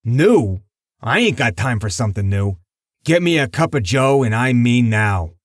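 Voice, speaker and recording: A man's voice: fairly high pitch, big pitch swings, fast talker, no echo, clean studio sound, pitched above the performer's own voice. A man doing a growling, grouchy mob boss. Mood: irritated. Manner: growling, impatient, tough-guy slang. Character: grouchy middle-aged male mob boss.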